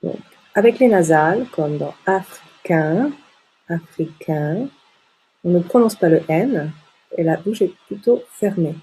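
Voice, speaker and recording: A woman teaching a French lesson, repeating words slowly and distinctly to model their pronunciation. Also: lowish voice, animated, warm tone, slightly rough, low-quality recording. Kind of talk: slow, clearly articulated lesson for learners.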